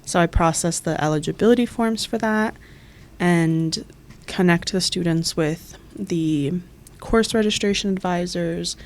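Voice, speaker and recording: A young woman from Florida, USA, who works as an exchange coordinator, answers interview questions by explaining her job in friendly detail. She has a fairly low voice and a measured pace.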